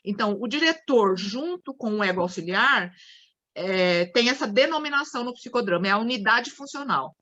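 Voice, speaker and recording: A woman's voice: fairly high pitch, animated, moderate pace, sharp tone, dull audio. A Brazilian woman lecturing a study group on psychodrama, explaining with acted-out examples and frequent restarts. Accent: Brazilian Portuguese.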